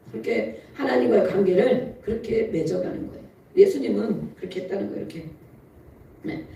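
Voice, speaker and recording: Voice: mid-range voice, mellow, a little hiss or hum. A pastor giving a sermon who acts out pleading prayers in a raised voice and often laughs while preaching. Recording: very echoey room, voice far from the mic.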